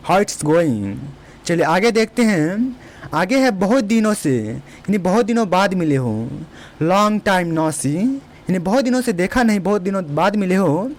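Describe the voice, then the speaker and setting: A spoken English teacher giving a beginner lesson, who says each example phrase slowly and repeats it before explaining it. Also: medium pitch.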